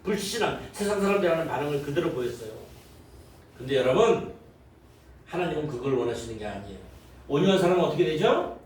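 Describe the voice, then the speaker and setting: Male pastor, slightly high voice, lively interactive sermon style; heard from far off in a very reverberant church with faint background noise. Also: fast, long pauses. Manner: interactive preaching, quizzing the congregation, acting out worldly reactions. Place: church sanctuary.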